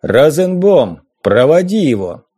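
A man voicing a gruff, commanding ghost pirate captain in an audiobook. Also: fairly high pitch, sing-song, dark tone, heavily acted. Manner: slow, commanding.

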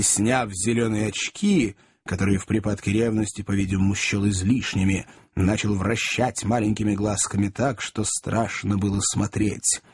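Husky male audiobook narrator. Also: fairly low pitch, a little mellow, no echo. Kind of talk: audiobook reading of a classic novel.

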